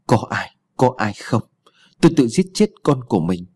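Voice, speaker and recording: A man voicing a grief-stricken young mother, sobbing and pleading, in a husky voice. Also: medium pitch, sing-song, moderate pace, darkish tone. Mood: anguished.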